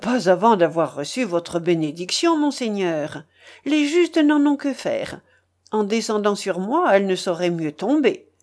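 A woman voicing a cold, ferocious male pirate in a storybook reading, calmly menacing and sneering. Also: mid-range voice, unhurried.

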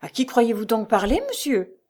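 A woman's voice: mid-range voice, animated, moderate pace, warm tone, close to an everyday voice. A woman voicing a distressed young woman who has been abandoned by her fiancé, pleading and indignant.

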